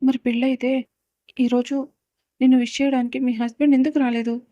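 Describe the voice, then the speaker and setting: Woman voicing an excitable young girl, questioning, high, mellow, dry. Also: brisk, dry recording, highs cut off, natural voice. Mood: astonished. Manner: bewildered, pestering questions.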